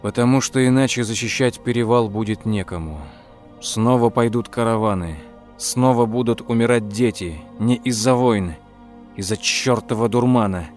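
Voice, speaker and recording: A man's voice: mid-range voice, moderate pace, darkish tone, soft background music, lightly acted. A man reading an audiobook, voicing a weary old count who speaks in curt, dry phrases. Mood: stern.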